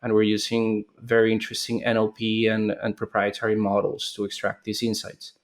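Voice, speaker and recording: A man's voice: on the low side, completely flat delivery, brisk. A man in his thirties from Colombia, a startup founder answering interview questions in a thoughtful way, with hesitations and restarts.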